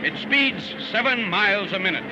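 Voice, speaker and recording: A man narrating a 1940s newsreel in a brisk, punchy announcer style, with the sound of an old newsreel. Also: sits high, lively intonation. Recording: dull old newsreel recording with music. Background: loud music.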